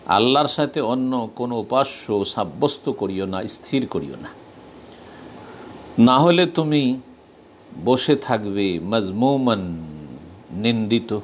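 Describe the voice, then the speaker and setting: A man preaching a sermon, reciting verses and explaining them slowly and with emphasis. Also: medium pitch, lively intonation, a little hiss or hum.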